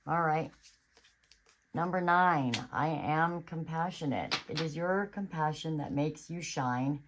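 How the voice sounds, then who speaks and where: A woman's voice: low voice, slow, noisy background. A woman giving a casual tarot reading on her channel, chatty and reassuring, thinking aloud as she goes. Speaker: tarot reader.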